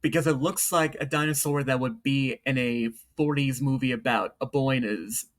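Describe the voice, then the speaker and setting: A man's voice: medium pitch, steady tone, moderate pace. A man co-hosting a casual chat as a junior paleontologist, teasing the others and laughing often.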